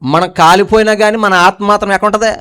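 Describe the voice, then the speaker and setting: Throwing question after question at his congregation, this male pastor delivers a fast sermon in a smooth, high, resonant voice with a steady tone, dropping from forceful emphasis into quiet, low remarks.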